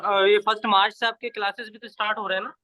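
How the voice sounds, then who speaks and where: A man's voice: sits high, level tone, fast talker, bright, forceful tone. A man taking part in a live trading class, eagerly agreeing and asking the teacher questions.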